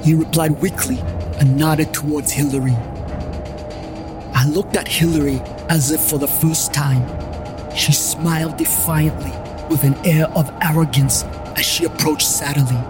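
A man's voice: fairly high pitch, steady tone, a little slow, music in the background. Wry man narrating in the first person. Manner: wry, joking.

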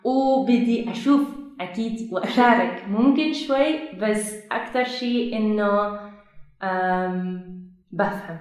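A young woman with a non-native Levantine Arabic accent, giving interview answers haltingly, searching for words and correcting herself. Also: mid-range voice, a little mellow, dull audio. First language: not Arabic, speaks it as a learner. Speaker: researcher being interviewed. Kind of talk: conversational interview answers in a learned language. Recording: very echoey, reverberant room.

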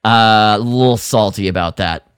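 Fairly low-pitched yet a bit bright, this man's clear, resonant voice moves at a moderate pace, recorded with clean studio sound and no room noise. As a podcast co-host recapping a radio drama, he rambles casually with lots of fillers and restarts, mocking the characters as he quotes them.

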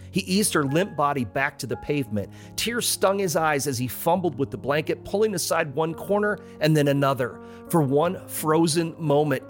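Measured man narrating a true-crime story. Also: mid-range voice. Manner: measured, suspenseful storytelling that slows at grim moments. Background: faint guitar music.

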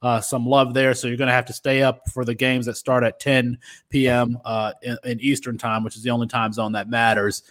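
A man hosting a sports podcast, introducing segments and putting questions to guests in casual talk. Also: medium pitch. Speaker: podcast host.

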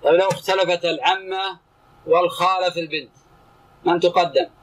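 A man's voice: sits high, steady tone, poor audio. A man teaching as a sheikh, commenting on texts and questioning a student in short, clipped phrases. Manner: terse, brisk, asks and answers in short clipped phrases.

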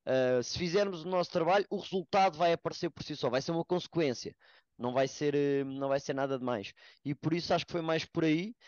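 Male podcast guest, European Portuguese accent, quick and emphatic delivery, dry slightly dull recording. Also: a little high, a little mellow, no room sound. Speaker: American football player, podcast guest. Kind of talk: casual podcast discussion.

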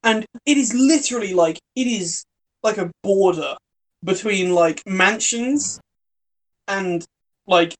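A woman's voice: mid-range voice, slow, rough recording. A young British woman chatting casually over a voice call, rambling with lots of fillers. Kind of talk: casual chat.

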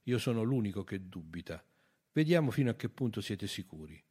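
A man's voice: on the low side, very animated, fairly quick, dark tone, husky. A man voicing a tormented, scarred outlaw in an audiobook reading, intense and challenging. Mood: taunting.

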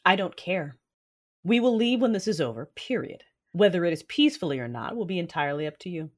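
Narrating her own story as a proud, defiant Sith lord, a woman performs in a science fiction audio drama with intense, deliberate delivery. Her pitch sits fairly low and has a sing-song quality.

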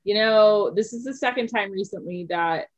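A woman talking casually as a podcast co-host, her pitch sitting in an ordinary middle range. She is excitable, swears freely and breaks into laughter often. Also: moderate pace, low-quality recording. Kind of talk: casual chat.

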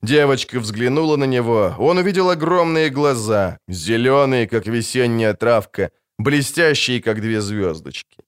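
Man giving a lively audiobook narration. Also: medium pitch, unhurried, few pauses, clean tone. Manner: expressive, lively reading. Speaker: audiobook reader. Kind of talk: scripted narration.

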